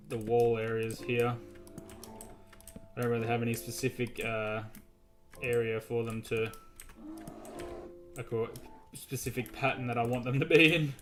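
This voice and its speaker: A man's voice: mid-range voice, fairly bright tone. Chatty, rambling man narrating his gameplay. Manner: rambling, chatty, many fillers and restarts. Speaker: gaming video host. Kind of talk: casual gameplay commentary.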